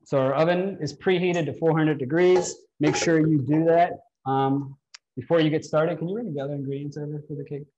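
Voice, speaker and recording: In a large home-style indoor kitchen, a man in his thirties leads a live cooking demo, instructively walking viewers through each step. His voice is fairly high, fairly even and fairly quick with a dark tone, picked up by a far camera in dull lo-fi livestream audio.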